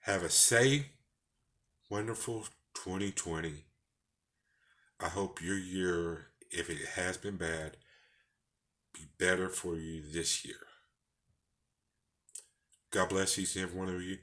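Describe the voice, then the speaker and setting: A man's voice: sits low, fairly even intonation, slow pace, pauses often, a bit bright. A man with a Texas twang, talking in a rambling, folksy way in a casual personal vlog. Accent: Texan. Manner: rambling, folksy, with false starts. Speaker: vlogger.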